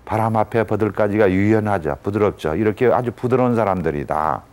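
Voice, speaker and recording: A man's voice: fairly low pitch, a little fast, a little mellow. A man lecturing to an audience, explaining terms step by step and often saying "ye" between phrases. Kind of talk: academic lecture.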